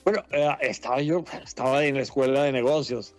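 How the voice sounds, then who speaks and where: Mexican-born veteran journalist, chatty and laughing. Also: male voice, medium pitch, a little fast, a little mellow, faint music behind. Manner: rambling and laughs often. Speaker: journalist guest. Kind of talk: casual interview conversation. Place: Washington.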